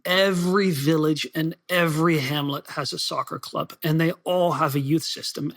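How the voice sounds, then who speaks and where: A man who grew up in the Netherlands and Belgium, a soccer writer being interviewed, talking quickly and casually with fillers and restarts. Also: on the high side, a bit bright. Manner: fast, chatty, with many fillers and restarts. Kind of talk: podcast interview.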